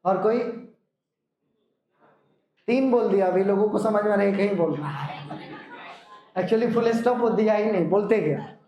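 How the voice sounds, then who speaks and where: Male English teacher, high voice, firm classroom instructions, echoey room. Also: dull audio. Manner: slow dictation, firm instructions. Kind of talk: classroom grammar lesson.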